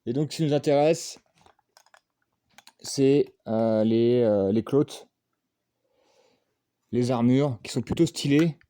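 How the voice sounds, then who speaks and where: A man rambles through a casual unboxing, stopping often on hesitations and joking at his own expense. His voice is mellow and warm at a middling pitch. The sound is dry, with no room around it. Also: slow pace, long pauses, smooth, no echo. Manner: rambling, hesitant, many fillers and self-mocking asides. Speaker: unboxing vlogger.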